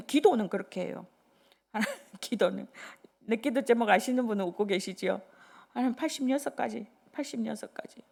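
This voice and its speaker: Gravelly older woman preaching with bursts. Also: on the high side. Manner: animated, conversational preaching with sudden whispers. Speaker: pastor. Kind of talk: sermon.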